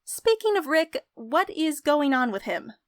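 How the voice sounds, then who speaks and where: A young woman narrating a scripted game review in an articulate, measured way. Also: sits high, sing-song, no room sound, studio quality. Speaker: video essayist, game reviewer.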